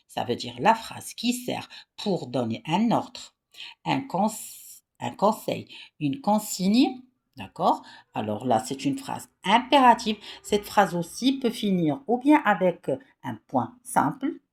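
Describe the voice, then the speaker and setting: Female teacher, slow and patient, lively rises in pitch, repeats and checks in with pupils. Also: vocal fry, husky. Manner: patient, repeats key points and checks with "d'accord?"; raises her voice when reading questions aloud. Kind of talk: grammar lesson for children.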